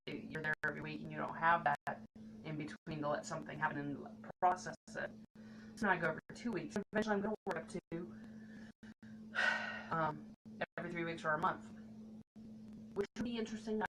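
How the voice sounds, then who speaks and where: Vlogger, woman, earnest and frank, lower voice, noisy recording. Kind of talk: personal talk to camera. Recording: noticeable background noise.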